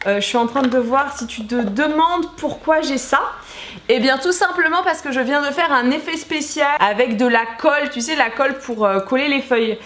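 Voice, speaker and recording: A woman's voice: high voice, moderate pace, a bit bright. A woman in her thirties chatting casually and enthusiastically as she unboxes beauty products, gushing over each one. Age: 30s. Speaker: beauty vlogger. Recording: echoey room, faint noise.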